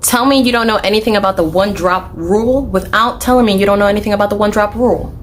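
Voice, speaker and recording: A woman giving critical commentary in a sharp, sarcastic and articulate voice. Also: mid-range voice, quick pace, a little hiss or hum.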